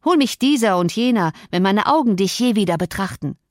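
A woman reading an audiobook, voicing a sullen, rough young man who talks gruffly and curses, in a dry recording. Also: medium pitch, animated, fairly quick, a little mellow, no echo, natural voice. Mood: surly. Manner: gruff, cursing, defiant. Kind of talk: audiobook character voice.

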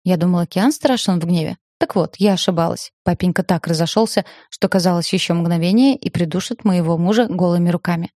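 A woman narrating a first-person novel with a lowish, mellow voice. She reads in a measured, lightly ironic way. The sound is close and dry. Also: no echo. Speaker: audiobook narrator.

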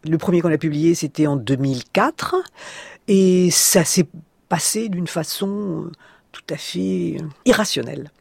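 Gravelly older Frenchwoman telling an anecdote. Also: lowish voice, measured pace, dry recording. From France. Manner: animated anecdote-telling, hesitant fillers. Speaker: publisher, interview guest. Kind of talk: radio interview, storytelling.

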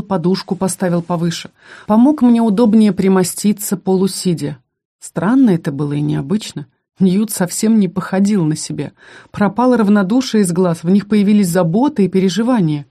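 Reading aloud from a first-person fantasy romance novel, the audiobook narrator keeps a calm, measured pace, speaking at a medium pitch.

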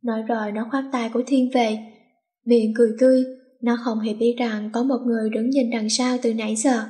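A woman narrating an audiobook story in a brisk, playful way. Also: a little high, flat delivery, warm tone.

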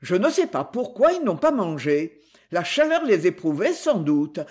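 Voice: medium pitch, big pitch swings, normal speed, a little mellow, husky. A reader voicing a hulking, blustering Prussian major who protests indignantly in an audiobook. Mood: defensive.

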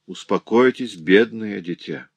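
A man's voice: on the low side, measured pace, vocal fry, no echo. Man reading an impassioned prince father. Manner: impassioned, exclaiming. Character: noble prince, a grieving, overjoyed middle-aged father.

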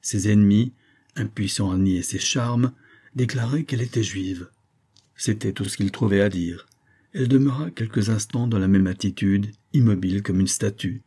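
A man reading a classic novel aloud as an audiobook narrator, in a steady, measured way. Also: on the low side, husky. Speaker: audiobook reader.

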